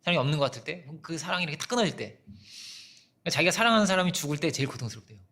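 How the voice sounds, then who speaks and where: A male pastor preaching a sermon in a lively, chatty way, turning to the congregation with questions. His voice sits slightly high and moves a lot in pitch. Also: rapid-fire. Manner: animated, conversational, asks the congregation questions.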